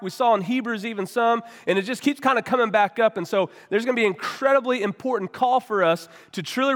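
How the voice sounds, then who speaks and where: A pastor delivers an earnest, conversational sermon, repeating and restarting his phrases. His voice sits high for a man and sounds weak and worn. The sound rings out with the long reverb of a church hall. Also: a bit bright. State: weak, worn voice after weeks of voice loss. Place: church sanctuary.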